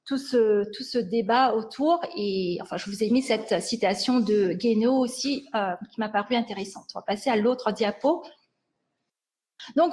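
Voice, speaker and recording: A woman's voice: a little high, darkish tone. A woman giving a lecture with slides on language sciences, speaking hesitantly and often restarting and correcting herself.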